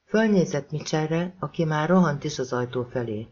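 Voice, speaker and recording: A man reading an audiobook as narrator, in a lively, expressive way. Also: fairly high pitch, highs cut off.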